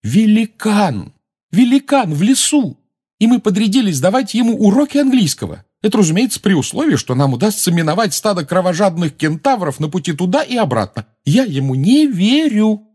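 A man voicing a shrill, frightened teenage girl. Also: very animated, brisk, darkish tone, husky, exaggerated voice. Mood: agitated. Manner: shrill, pleading, agitated. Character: panicked teenage schoolgirl, high and frightened.

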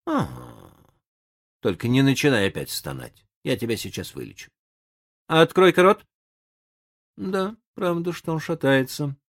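A reader voicing an older aunt who scolds a boy for faking illness in a brisk, no-nonsense way. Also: medium pitch, big pitch swings, voice pushed up. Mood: scolding. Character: stern but kindly old aunt.

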